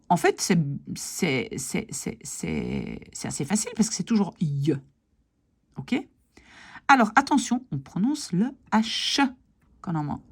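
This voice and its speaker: A woman's voice: on the low side, a little mellow, husky. A woman teaching pronunciation, patiently repeating example words one by one and often checking that her students follow. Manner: asks "d'accord?" and "ok?" to check understanding. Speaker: language teacher. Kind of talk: pronunciation lesson.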